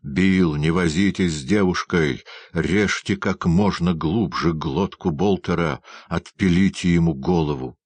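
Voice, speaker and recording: A man voicing a raving, terrified old male prisoner, bursting out shrill and frantic. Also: unhurried, darkish tone, dry recording. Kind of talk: audiobook character voice.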